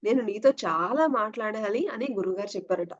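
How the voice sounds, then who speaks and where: A woman's voice: mid-range voice, quick pace, highs cut off. A woman telling a devotional story with commentary, explaining as she goes and often addressing her listeners directly.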